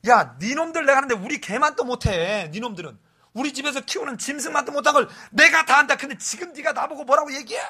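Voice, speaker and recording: A preacher playing Job, indignant and defiant. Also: male voice, extremely high pitch, fast talker, sharp tone, voice pushed up, heavily acted. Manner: defiant, boastful retort. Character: Job, indignant suffering rich man.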